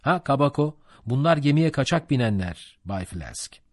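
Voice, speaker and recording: A boastful know-it-all sailor, as a male narrator puts him on, presses his point insistently. The voice is raised and husky and swings lively up and down. It sounds close and dry. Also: mid-range voice, moderate pace, voice pushed up.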